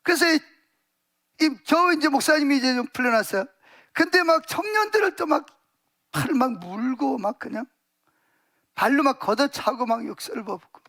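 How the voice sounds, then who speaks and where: Very high-voiced male pastor preaching. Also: lively intonation, moderate pace, long pauses, sharp tone. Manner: vivid storytelling with many emphatic fillers. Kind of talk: sermon. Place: church.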